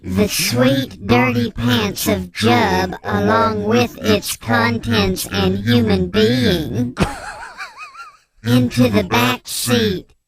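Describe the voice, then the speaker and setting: An anonymous tipster, as a performer puts on a voice run through an electronic disguise, dragging every word out at a crawl. The telling stays flat and deadpan even through the wildest details. Loud crowd laughter sits behind it. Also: medium pitch, very slow, low-quality recording. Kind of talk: radio comedy bit.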